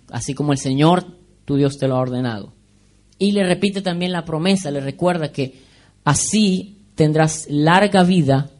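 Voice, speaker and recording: A man's voice: fairly high pitch, darkish tone. Conversational preacher man, joking asides. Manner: conversational, asks the congregation questions. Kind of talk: sermon.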